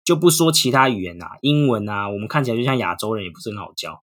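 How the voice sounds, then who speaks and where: A man's voice: lowish voice, lively intonation, fast talker. A young man with a Taiwanese accent, chatting casually as he hosts a conversation. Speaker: host, interviewer. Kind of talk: casual chat.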